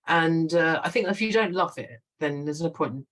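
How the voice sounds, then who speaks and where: Guest voice: middle-aged woman, chatty writer, quick to laugh, animated. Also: low voice, low-quality recording. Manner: lively, laughs often, animated storytelling. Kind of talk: conversational interview.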